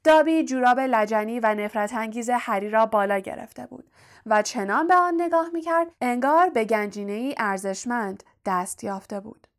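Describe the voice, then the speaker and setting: A woman narrating an audiobook with expressive storytelling. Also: fairly high pitch.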